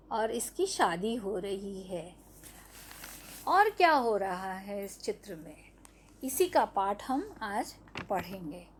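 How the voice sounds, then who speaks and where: A woman's voice: a little high, a little mellow. A woman teaching an online lesson to young children, stretching out each syllable and answering her own questions. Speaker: primary school teacher.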